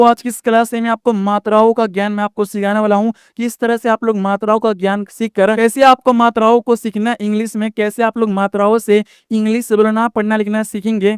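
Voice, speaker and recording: A man's voice: high-pitched, smooth, no room sound, clean studio sound. A man teaching viewers a lesson, often checking in with the class and stretching out vowel sounds to show pronunciation. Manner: repetitive, checks in with "ठीक ना" often. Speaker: online tutor.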